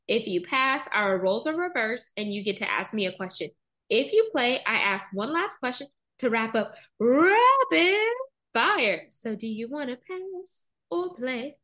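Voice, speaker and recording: A woman, hosting a podcast interview in an energetic, playful way. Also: a little high, measured pace. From Texas, US. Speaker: podcast host.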